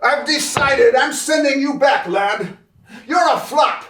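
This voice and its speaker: A man's voice: very high voice, slow pace, fairly bright tone, heavily acted. A man playing a cruel sneering freak-show owner. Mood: contemptuous. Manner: bullying, sneering, barking orders. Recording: roomy, distant from the mic.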